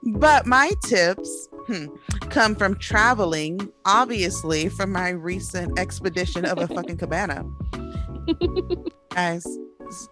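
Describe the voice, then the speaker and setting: A woman co-hosting a podcast in casual chat, blunt and profane, laughing often. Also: medium pitch. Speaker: podcast co-host.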